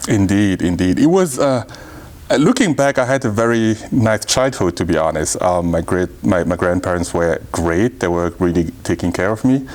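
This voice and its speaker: A man's voice: low-pitched, expressive, moderate pace, a little mellow. A man in his thirties from Cameroon, answering interview questions in an earnest, reflective way and often saying "you know". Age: 30s. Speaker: interview guest, politician. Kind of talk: casual interview talk.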